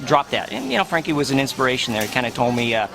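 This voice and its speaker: A man in his forties telling a story in a laid-back, deadpan way during an interview. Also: medium pitch, racing, vocal fry, music in the background. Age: 40s.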